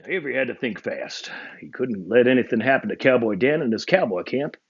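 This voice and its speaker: Expressive man reading a picture book. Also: medium pitch, a little fast, gravelly, slightly rough, highs cut off. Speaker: storybook reader. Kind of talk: children's storybook read-aloud.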